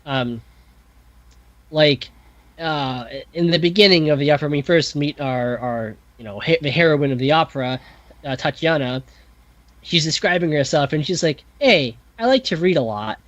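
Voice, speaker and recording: A man's voice: a little high, moderate pace, fairly bright tone, dry recording, highs cut off. A man talking casually and thoughtfully on a podcast, full of fillers, restarts and self-corrections. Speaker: podcast guest, composer. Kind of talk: casual discussion.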